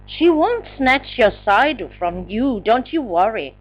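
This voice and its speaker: A woman's voice: fairly high pitch, sing-song, unhurried, a little mellow, muffled recording. A woman voicing a female friend who laughs things off and then earnestly pleads to be believed. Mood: amused. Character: cheerful woman friend, placating.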